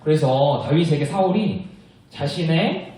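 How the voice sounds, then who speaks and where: A young man tells a Bible story to children in an animated children's-sermon style, often stopping to ask them questions. His voice sits high and swings widely, with a mellow, soft edge. He is heard from some distance in an echoey church room. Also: unhurried. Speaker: children's ministry preacher.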